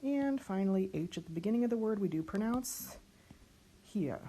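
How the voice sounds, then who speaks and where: A woman teaching lyric diction, slowly spelling out letters and sounds one by one. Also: medium pitch, lively intonation, warm tone, a little hiss or hum. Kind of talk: online diction lesson.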